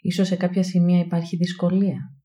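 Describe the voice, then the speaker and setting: Leaving long silences between brief phrases, a woman talks listeners through a body scan meditation. Her delivery is calm and hushed, and her voice sits on the low side.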